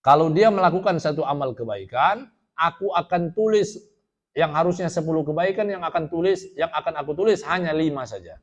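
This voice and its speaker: A man preaches a storytelling sermon to a study gathering in a rather high voice with lively intonation and a slightly fast pace. He quotes Arabic and then explains it in plain talk, often putting rhetorical questions to his audience.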